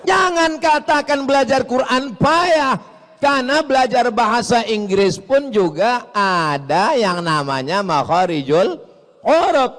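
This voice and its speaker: A man's voice: very high-pitched, fairly bright tone. Joking male preacher in a reverberant hall. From Indonesia. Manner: joking, teasing the crowd, mimicking voices. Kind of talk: humorous sermon to a large audience.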